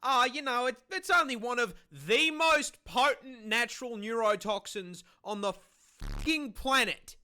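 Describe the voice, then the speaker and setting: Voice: mid-range voice, a little slow, pushed and bright, smooth, faint music behind. A narrator delivering scripted comedic narration in a punchy, sarcastic and sweary manner. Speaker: narrator of an animal video.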